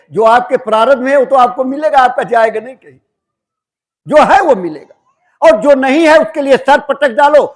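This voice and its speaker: A man giving a devotional sermon, telling folksy parables in a colloquial way and acting out the dialogue. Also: extremely high pitch. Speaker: satsang speaker.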